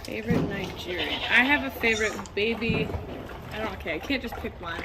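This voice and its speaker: A woman's voice: medium pitch, fairly quick. A woman chatting casually as a farm worker being interviewed inside a barn, hesitant and thinking aloud. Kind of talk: casual chat. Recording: loud animal and barn noise. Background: animals, loud farm noise.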